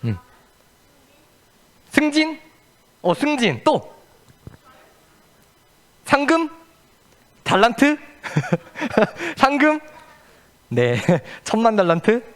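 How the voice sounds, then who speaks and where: Children's church teacher, animated storyteller, high lively voice. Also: male voice, very slow, long pauses. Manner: asks the children questions, lively and playful.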